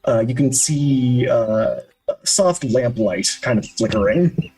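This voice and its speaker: A man's voice: medium pitch, lively intonation, takes it slowly, mellow, rough recording. A man narrating scenes as a tabletop game master, descriptive and full of hesitant uhs. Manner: descriptive, with frequent uhs and restarts.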